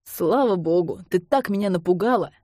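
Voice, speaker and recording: An earnest young man pleads with the woman he loves, voiced by a woman reading the book. He sounds devoted and anxious, pitched on the low side. The recording is dry and close. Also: expressive, moderate pace, dark tone, no room sound. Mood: relieved. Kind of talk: audiobook character voice.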